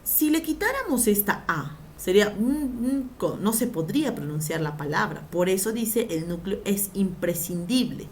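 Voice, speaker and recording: A woman's voice: medium pitch, sing-song, moderate pace, hardly any pauses. A woman teacher giving a grammar lesson, drawing out syllables for emphasis and asking the class questions before answering them herself.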